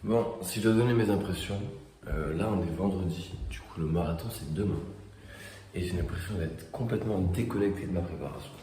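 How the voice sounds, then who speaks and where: A man's voice: deep voice, a little fast, warm tone. A man sharing his impressions informally and reflectively in a casual video diary. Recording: echoey room, faint noise.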